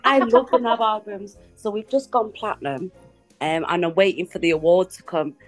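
An English woman musician, a guest on a video-call interview, calls in on her phone from a living room with a Christmas tree. Her medium-pitched voice has a steady tone at normal speed, she chats with frequent laughs and repeated phrases, and soft music plays in the background.

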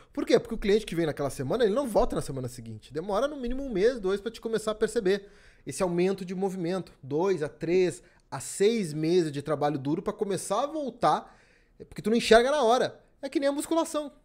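A man's voice: high-pitched, animated, quick pace, a little mellow. A man, hosting a podcast, talking bluntly and with swearing. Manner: blunt, profane, motivational. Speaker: podcast host. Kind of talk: casual podcast chat.

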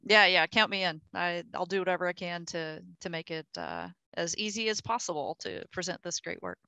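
Bright, dry-sounding woman on a video call. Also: fairly low pitch, lively intonation, brisk, creaky, smooth, dry recording. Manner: thinks aloud with many restarts and fillers. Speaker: project engineer in a technical meeting. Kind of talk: casual technical discussion.

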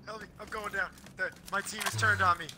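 A man's voice: high-pitched, fairly even intonation, brisk. A man in casual gaming banter, boasting and pleading in a hammy, mock-dramatic way. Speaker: gamer on a group stream. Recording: noisy game voice chat.

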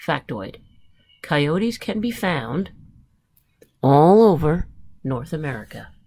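A woman school librarian reading a picture book aloud to children, in an expressive, unhurried way. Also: low-pitched, slightly rough, dry recording.

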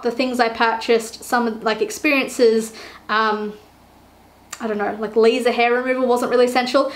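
A woman vlogging casually to camera, chatty and upbeat, correcting herself as she goes, tired and a little worn in the voice. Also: a little high. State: tired, losing her voice. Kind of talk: casual talking-to-camera vlog.

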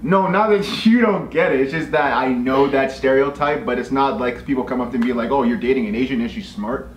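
A young man from Canada co-hosting a couple's video, joking in an animated, slangy way. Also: mid-range voice, fairly quick. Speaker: co-host of a couple's channel. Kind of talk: casual chat. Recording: echoey room with faint noise.

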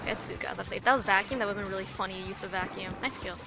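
A woman's voice: medium pitch, rapid-fire, creaky. A young woman streaming as a VTuber, chatting loosely with her viewers, eating and swearing freely while playing. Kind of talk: casual livestream chat while eating and gaming. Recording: streamer mic with game music behind. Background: game music.

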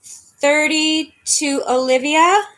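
In a poor-quality recording, a woman speaks slowly in a high, steady, fairly bright voice. She's in her fifties, at home in her living room with a webcam before her, hosting a live online handbag auction where she chats, calls bids, and thanks viewers by name.

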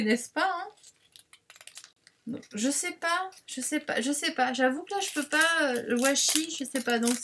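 A high-voiced woman chats her way through an unboxing of craft papers. She rambles off on tangents and gets excitable, then apologizes and carries on. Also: a little hiss or hum. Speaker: craft vlogger unboxing a parcel. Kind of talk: casual unboxing chat to viewers.

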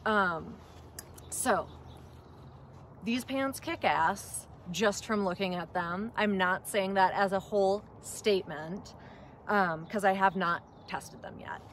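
A chatty woman with a Minnesota accent reviews outdoor gear to camera, full of ums and enthusiasm. Her voice sits at a middling pitch. A faint hiss of room noise runs underneath. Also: takes it slowly. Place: indoors at a table.

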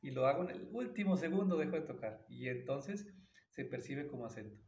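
A man's voice: medium pitch, animated, brisk, vocal fry, darkish tone, soft background music. A man teaching violin in a casual tutorial, explaining patiently between played passages. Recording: roomy, mic at a distance, violin behind. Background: violin playing.

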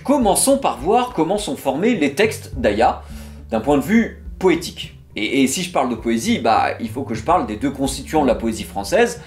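A man's voice: medium pitch, normal speed, faint music behind. A man with a French accent giving a casual, chatty talk about poetry, full of little fillers. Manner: chatty, lively, many "bah" and "hein" fillers. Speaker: literature video host.

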